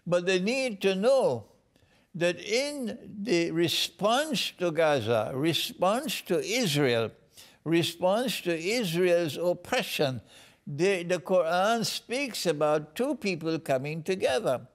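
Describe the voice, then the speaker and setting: A man from Trinidad answers interview questions in a slow, deliberate way. His voice sits fairly high for a man, and he builds his points through preacher-like repetition. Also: expressive. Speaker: guest speaker.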